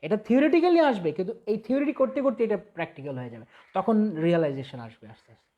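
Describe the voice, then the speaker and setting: A spiritual teacher with a Bengali accent answers viewer questions in a devotional talk, reading each one aloud before explaining it with everyday examples. He talks fast in a high, sing-song voice with a dark tone, and the highs are cut off.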